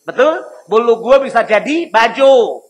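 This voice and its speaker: A man's voice: very high-pitched, animated, measured pace. A man voicing a boastful male goat who brags in slangy banter about how useful he is.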